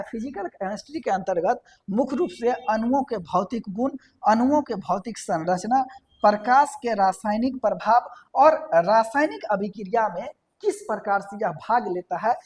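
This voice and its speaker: A woman's voice: mid-range voice, lively intonation, moderate pace, darkish tone. Woman teaching a step-by-step science lesson. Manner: explains step by step, asks and answers her own questions; repeats key terms for emphasis. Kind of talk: classroom lecture.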